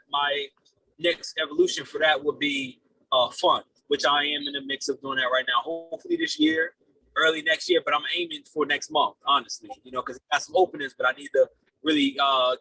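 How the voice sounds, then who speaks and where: A real estate investor in his late twenties, appearing as a podcast guest, gives casual, earnest answers that ramble and circle back to the same phrases. His voice sits a little high and sounds pushed, bright and husky. The recording is rough.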